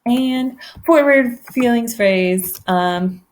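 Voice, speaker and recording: A woman's voice: a little high, very slow, slight background noise. A woman teacher giving an online poetry lesson, thinking aloud in a friendly way while she types.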